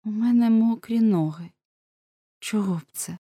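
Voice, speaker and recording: A woman voicing a frightened, starving young woman prisoner with high, plaintive cries in a storybook reading. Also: measured pace, mellow, dry recording, clean studio sound, natural voice. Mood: uneasy.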